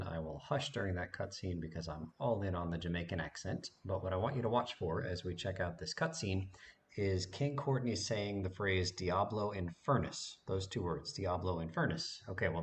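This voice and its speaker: A man hosting a gaming channel, giving relaxed, chatty gameplay commentary with plenty of filler words. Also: deep voice, a little hiss or hum.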